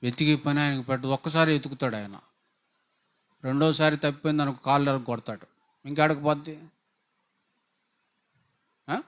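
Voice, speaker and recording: A man preaches with fervour, firing rhetorical questions at his congregation. His voice sits somewhat higher than most men's. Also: fairly even intonation, moderate pace, long pauses, a bit bright. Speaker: pastor. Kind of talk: Telugu sermon.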